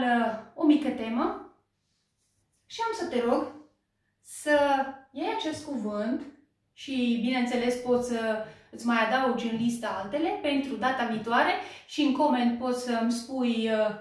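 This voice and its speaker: A patient woman with a Romanian accent leads a slow repetition drill and praises each answer warmly. Her voice is a little high, and it comes from some way off the mic in a very echoey room. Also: recorded from a distance. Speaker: English teacher.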